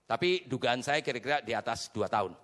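A man preaching a sermon in a lively, animated way, swinging from loud declarations to low, quiet asides. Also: a little fast. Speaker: pastor.

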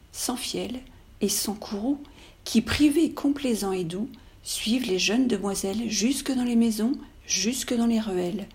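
A woman reading a classic fairy tale aloud in a clear, measured, expressive way. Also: medium pitch. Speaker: storyteller.

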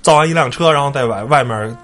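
A man hosting a casual car podcast, relaxed and repeating words as he talks. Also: medium pitch, fast talker, faint music behind. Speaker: podcast host. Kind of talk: casual chat.

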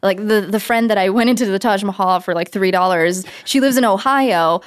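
A young woman from America talks casually as a podcast guest. Her medium-pitched voice is loose and conversational, full of fillers, restarts and laughter. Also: fairly quick, clean tone. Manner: chatty, laughs often, many fillers.

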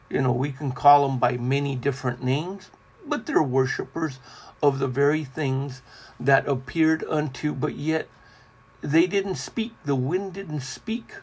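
A man preaching a devotional sermon in a slow, deliberate, repetitive cadence. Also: mid-range voice, husky.

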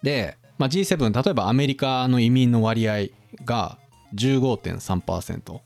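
A man of middle pitch talks through economics in a casual, explanatory way. His voice swings lively up and down as he quizzes his co-host. Soft music plays faintly underneath. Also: a little fast, gravelly, dry recording.

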